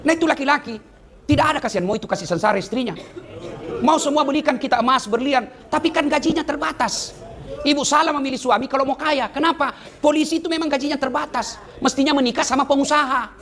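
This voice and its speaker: A man giving a humorous sermon, teasing his audience and swinging between high exclamations and low, earnest asides. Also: quick pace, a bit bright, a faint crowd. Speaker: Islamic preacher.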